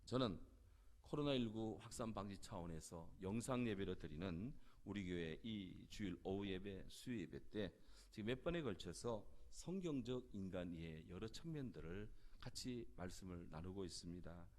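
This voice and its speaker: A male pastor preaching a sermon and reading scripture, swinging from loud emphasis to near-whispers. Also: deep voice, animated, normal speed.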